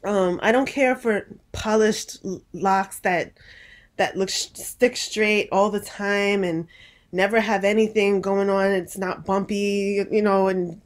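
A woman's voice: mid-range voice, fairly even intonation, slow pace. Woman vlogger, casual chat to camera, rambling and a bit breathless. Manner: rambling, chatty, many restarts and fillers.

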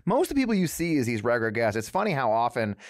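A man hosting a political talk show, sardonic and quick to laugh, often repeating words as he talks. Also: mid-range voice, very animated, no room sound, clean studio sound. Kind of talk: casual political chat.

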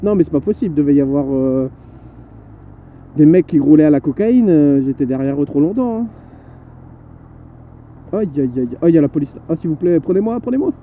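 High-voiced jokey biker guy talking over traffic, lots of road noise, kinda muffled. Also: normal speed, pauses often. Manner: excitable, jokey, self-mocking. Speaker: motorcycle vlogger. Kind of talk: riding commentary. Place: on a motorbike in city traffic.

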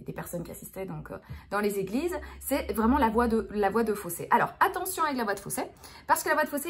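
Woman voice coach explaining stuff, lots of euh and restarts, slightly high voice. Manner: hesitant, many fillers and restarts. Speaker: speech therapist. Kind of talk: explanatory lesson.

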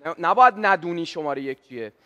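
High-voiced man challenging another player. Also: lively intonation, pushed and bright, long reverb tail, muffled recording. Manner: challenging, pushy. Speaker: game show contestant. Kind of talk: heated argument at a game table.

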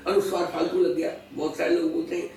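A man's voice: on the high side, little pitch movement, fast talker, mellow. A man being interviewed as an astrology scholar, explaining patiently with everyday examples and slipping English phrases into his speech. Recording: echoey room, voice far from mic, faint noise.

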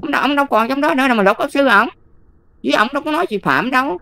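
An older Buddhist nun with a Southern Vietnamese accent, talking casually and emphatically, often checking whether the listener follows. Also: female voice, sits high, expressive, rapid-fire, bright, forceful tone, no room sound. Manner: emphatic, keeps checking "see?". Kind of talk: casual advice talk.

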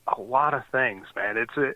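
Over a dry, tinny, phone-like line, this East Coast author in his forties speaks at a moderate pace in a bright, forceful, medium-pitched voice with no room sound. He rambles through a casual interview, full of fillers and restarts.

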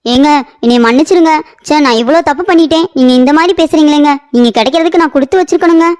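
A woman's voice: high-pitched, very fast, darkish tone, lightly acted. A woman voicing a remorseful young wife in a cartoon, pleading and apologetic. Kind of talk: cartoon voice acting.

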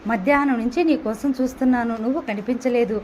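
A woman's voice: a little high, fast talker, a little mellow, slight background noise, close to an everyday voice. A woman voicing a friendly, teasing young village man.

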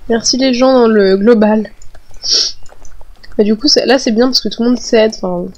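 A woman's voice: on the high side, darkish tone. A teenage girl giving casual commentary while she plays, chatting to herself and her viewers. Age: teens. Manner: chatty, talks to herself while playing, quick swings into annoyance. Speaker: gaming vlogger. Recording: slightly dull home mic with game music.

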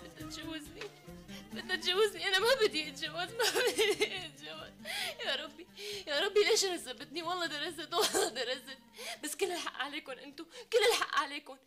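A sobbing young student. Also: female voice, extremely high pitch, expressive, very fast, pushed and bright, soft background music, full character voice. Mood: tearful wailing. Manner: sobbing while laughing, wailing complaints. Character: young woman student, despairing and tearful. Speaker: sister crying over her exams.

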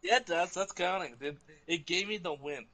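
A man chatting casually with a friend while they play a game together, relaxed and teasing. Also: high-pitched, normal speed. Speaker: gaming friend on voice chat. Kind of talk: casual gaming chat.

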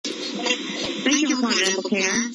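A man's voice: very high voice, expressive, unhurried, noisy background. A man working as a customer support agent who speaks politely and hesitantly, with many fillers, on a phone call. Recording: distant echoey phone line with crowd behind.

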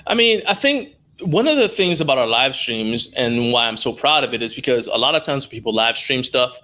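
Animated and fairly quick, a middle-aged American man's medium-pitched voice comes across pushed and bright as he tells colloquial stories. He's an interview guest and live stream producer, speaking on a video call headset from home indoors.

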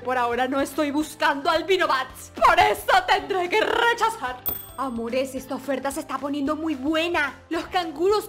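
A young woman hosting a gaming video, commenting excitedly and exclaiming as she keeps addressing her viewers fondly. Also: very high-pitched. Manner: animated, exclamatory, keeps calling viewers "mis amores". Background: faint background music.

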